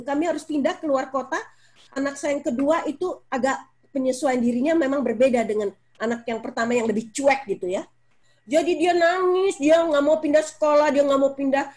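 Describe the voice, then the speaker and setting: Expressive high-voiced middle-aged woman. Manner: expressive, acts out scolding parent in high voice, mixes English phrases. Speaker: guest speaker on parenting. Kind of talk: animated talk-show explanation.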